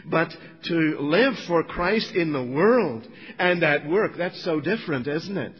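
A man's voice: fairly high pitch, lively intonation, slow pace, breathy edge, long reverb tail, muffled recording. A middle-aged man, preaching a sermon and telling his own story to the congregation with earnest asides. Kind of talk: sermon testimony.

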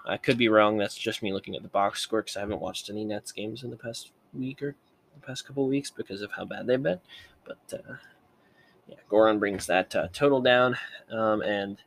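A young man with a lowish voice talks through his picks in a loose, rambling way. He stops to correct himself and thinks out loud as he goes. Behind him there is a faint hum of room ambience. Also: gravelly. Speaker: sports video host. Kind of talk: casual commentary.

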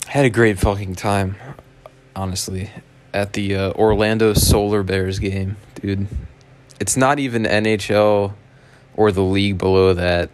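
A man with a raspy, hoarse smoker's voice chatting casually as a solo podcast host, laid-back, slangy and sweary. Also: on the low side, fairly even intonation, unhurried. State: hoarse after a night out.

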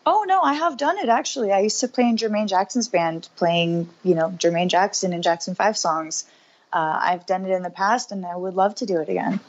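A woman's voice: mid-range voice, fairly quick, muffled recording. A woman in her thirties talking in a casual interview as a guest musician, upbeat and chatty with lots of fillers. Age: 30s.

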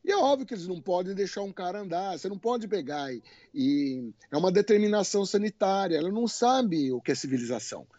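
Lively Brazilian man telling stories. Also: sits high, quick pace, hardly any pauses, no echo, muffled recording. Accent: Brazilian Portuguese. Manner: animated, colloquial storytelling with swearing. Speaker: guest. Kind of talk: casual podcast conversation.

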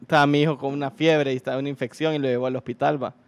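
A young Honduran man on a casual podcast, telling a story in a lively way and laughing easily. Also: mid-range voice, very fast. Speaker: podcast co-host.

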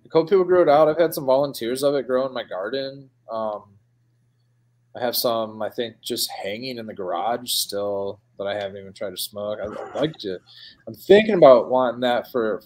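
A man's voice: mid-range voice, normal speed. A man with a Midwestern American accent hosting a casual podcast chat, rambling with plenty of fillers and calling people dude and man.

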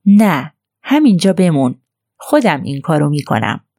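A reserved young gentlewoman answers in a cool, clipped voice that gives nothing away, as a woman reading the story puts her on. The tone is low and dark, and the recording is dry and close. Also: sing-song, no room sound. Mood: cold. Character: cold, guarded young gentlewoman.

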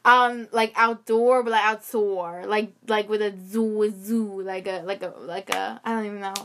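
A woman's voice: medium pitch, fairly even intonation, normal speed, fairly bright tone. A young woman chatting casually, rambling with lots of fillers and restarts as she co-hosts. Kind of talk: casual chat.

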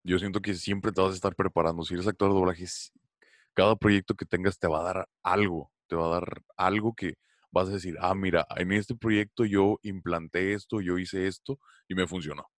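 A man interviewing a guest, talking casually in a relaxed, joking way. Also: low voice, normal speed, no echo, studio quality. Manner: relaxed, joking, many fillers. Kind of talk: casual conversation.

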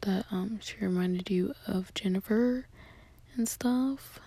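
A woman's voice: mid-range voice, slow, no room sound. A young woman whispering a rambling, casual voice message to a friend from a closet at home at night. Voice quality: breathy whisper. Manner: rambling, hushed, many fillers.

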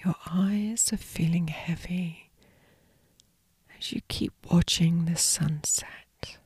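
A woman narrating a scripted sleep story as a guided meditation, in a breathy, hushed, soothing whisper. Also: fairly low pitch, fairly even intonation, slow, no room sound.

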